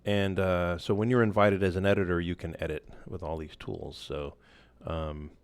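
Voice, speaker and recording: A man walking through a software tool in a casual screen-share tutorial, loose and relaxed, with many fillers and restarts. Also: low-pitched, normal speed, clean tone, no room sound. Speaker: instructor.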